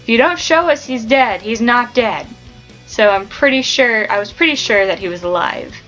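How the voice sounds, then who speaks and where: A woman's voice: a little high, animated, normal speed, fairly bright tone, lo-fi sound, faint music behind. A woman talking casually about a book she loves, gushing and ranting with plenty of fillers. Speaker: book vlogger. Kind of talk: casual book review chat.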